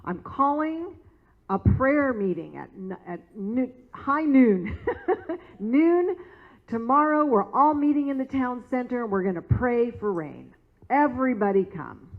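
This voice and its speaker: A woman's voice: sits high, big pitch swings, normal speed, breathy edge, pitched above the performer's own voice, full character voice. A woman voicing a determined small-town pastor who rallies her people to pray. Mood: rallying. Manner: resolute, rallying. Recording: tinny phone-like sound.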